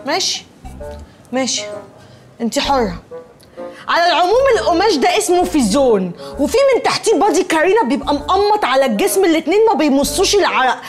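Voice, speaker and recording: A pushy, chatty Egyptian young woman who coaxes and wheedles, in a film comedy. She talks at a racing clip, and her high voice swings widely, with faint music under it. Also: big pitch swings, quick pace. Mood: wheedling. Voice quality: wheedling talkative delivery.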